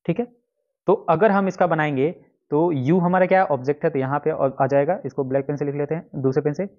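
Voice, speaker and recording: Man, grammar teacher, step-by-step explanation, repeats his own questions, slightly high voice, dull lo-fi recording. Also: steady tone, a little fast. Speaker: English teacher. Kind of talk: exam-prep grammar lesson.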